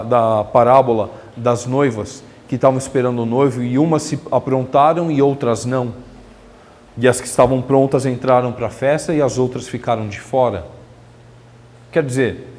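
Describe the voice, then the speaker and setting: A man's voice: medium pitch, darkish tone, long reverb tail. A man giving a spiritist lecture in a chatty way, asking the audience rhetorical questions. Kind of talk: religious lecture. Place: lecture hall of a spiritist center.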